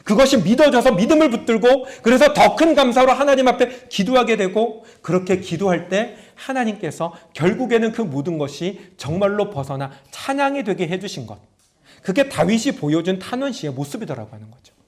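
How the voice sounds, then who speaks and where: High-voiced, lively Korean pastor preaching. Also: male voice, a little fast. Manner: storytelling preacher, acts out prayers in a raised voice; talks to the congregation directly, asking them questions. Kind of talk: sermon.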